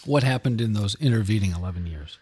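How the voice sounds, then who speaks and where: A man hosting a podcast interview, speaking in a measured way with some hesitations. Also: fairly low pitch, expressive, darkish tone, breathy edge. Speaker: podcast host.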